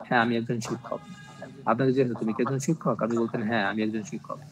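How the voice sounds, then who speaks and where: A man teaching a language class, explaining slowly and patiently and repeating each phrase with its translation. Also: medium pitch, steady tone, soft background music. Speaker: Arabic teacher. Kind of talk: online language class in Bengali. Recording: noisy recording with clicks.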